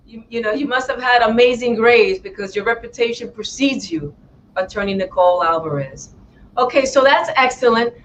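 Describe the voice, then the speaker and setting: Effusive higher-pitched woman talk show host. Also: normal speed, highs cut off, slight background noise. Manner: effusive, repeats "my friends" and "wow". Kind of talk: warm effusive interview hosting.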